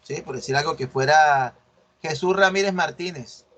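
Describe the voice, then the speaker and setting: A man's voice: fairly high pitch, moderate pace, a bit bright. A male university teacher explaining a research assignment in an online class, correcting students and often checking whether they follow. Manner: corrective, asks "¿sí ven?" often.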